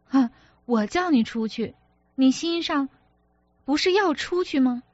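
Brief: woman reader doing a petulant young wife, sharp-tongued and hurt, slow and high, audiobook character voice. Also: expressive, no room sound, dull audio. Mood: reproachful. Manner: reproachful, sulky, sharp-tongued.

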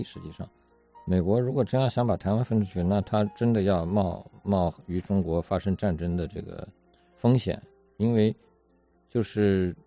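A man talking in a casual political discussion, measured and deliberate, often asking rhetorical questions. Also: sits low, gravelly, warm tone. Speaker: commentator. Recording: dull lo-fi audio with faint music.

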